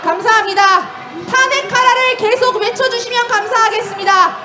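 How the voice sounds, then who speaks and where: Woman rally leader, extremely high voice, shouted slogans, outdoor march, loud crowd behind her. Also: normal speed. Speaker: rally emcee leading chants. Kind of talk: call-and-response protest chanting. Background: crowd noise.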